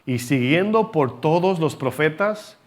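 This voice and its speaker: A man's voice: a little high, animated, a little slow, darkish tone. A man preaching a sermon, teaching from scripture with rhetorical questions and having the congregation repeat words after him.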